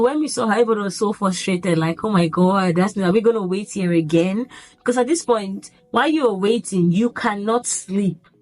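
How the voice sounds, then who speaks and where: A woman with a slightly low voice tells her story casually to camera. She is animated and acts out the shouting she quotes. Soft music plays faintly underneath. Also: rough recording. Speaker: vlogger recounting her military training.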